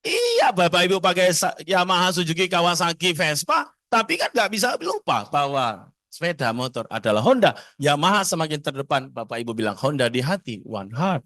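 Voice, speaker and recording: Animated man. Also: fairly high pitch, fairly quick, no echo. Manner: animated, asks the audience questions. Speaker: parenting seminar speaker. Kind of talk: lively seminar talk to parents.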